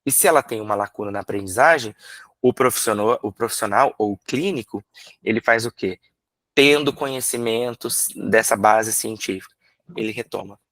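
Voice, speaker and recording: A man from Brazil, a literacy teacher, explaining in a workshop lecture, asking himself rhetorical questions and sounding out syllables slowly. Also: fairly low pitch, a bit bright, no echo.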